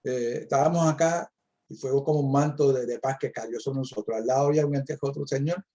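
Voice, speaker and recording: Give me a middle-aged man with a dark, relaxed voice leading a Bible talk and quoting verses. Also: medium pitch, fairly quick. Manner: preacherly, quotes scripture and stresses key words. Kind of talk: Bible discussion.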